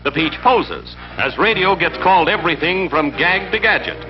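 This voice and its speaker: A man's voice: sits high, lively intonation, moderate pace. A man narrating an old newsreel in an emphatic announcing manner, heard through old film sound. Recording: dull lo-fi film sound with loud music.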